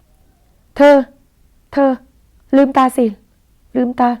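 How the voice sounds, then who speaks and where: A woman's voice: on the high side, a little fast, mellow, natural voice. A woman reading a brusque young man who snaps and scolds while looking after someone, in a romance audiobook. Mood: scolding. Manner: snapping, impatient.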